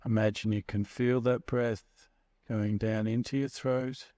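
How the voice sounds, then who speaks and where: A man narrating a guided meditation as a guide, speaking in a measured, soothing way with pauses between short phrases. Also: medium pitch, flat delivery, warm tone, no room sound, clean studio sound.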